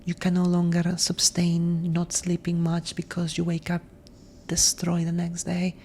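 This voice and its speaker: A woman speaking in a soft, breathy ASMR voice that often drops into a whisper, gentle and reflective, as if helping someone sleep. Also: fairly low pitch, completely flat delivery, measured pace, slight background noise. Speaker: ASMR host.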